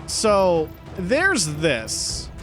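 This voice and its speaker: A man's voice: sits high, wildly swooping pitch, very slow, a bit bright. A man streaming a video game, chatting casually and poking fun at himself when he stumbles over his words. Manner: chatty, self-deprecating, trips over words. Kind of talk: casual gameplay commentary. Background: game music.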